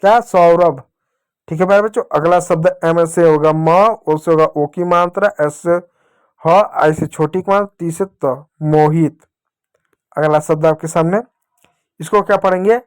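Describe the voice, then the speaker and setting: Male teacher, patient, spells words out for kids, clear, slightly high voice. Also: fairly even intonation. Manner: patient, repeats words slowly and calls the kids dear children. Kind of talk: children's reading lesson.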